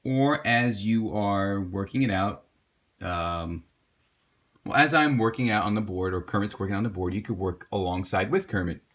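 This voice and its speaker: A man teaching a homework help lesson, patiently walking viewers through a math problem and encouraging them to pause and work along. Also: fairly low pitch, fairly bright tone.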